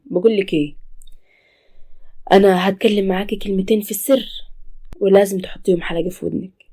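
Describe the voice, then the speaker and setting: A woman's voice: mid-range voice, mellow, lightly acted. A woman voicing a stern, threatening male police officer in a storybook tale. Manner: menacing, interrogating.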